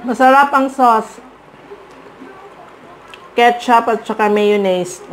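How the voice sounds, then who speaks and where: A woman's voice: fairly high pitch, takes it slowly, slight background noise, poor audio. A Filipino woman doing a mukbang eating vlog, chatting between bites in short remarks. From Philippines. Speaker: vlogger.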